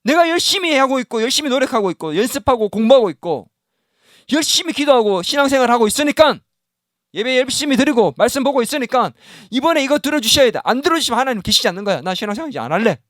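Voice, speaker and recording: A male pastor preaches a sermon in a church sanctuary, often asking the congregation questions and voicing doubting believers in the first person. His voice is very high-pitched and animated, with a quick pace and a slightly bright tone. The recording is studio quality with no echo.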